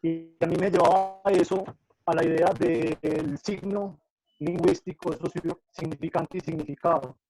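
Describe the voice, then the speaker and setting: A man's voice: fairly high pitch, expressive, normal speed, gravelly, a little mellow, slight background noise, poor audio. A man asking a thoughtful question in an academic discussion, his audio choppy and breaking up over a video call. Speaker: audience member asking a question.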